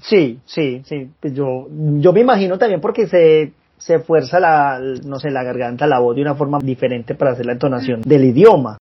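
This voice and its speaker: Relaxed man, husky and muffled. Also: a little high, normal speed, hardly any pauses. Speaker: podcast co-host. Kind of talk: casual chat.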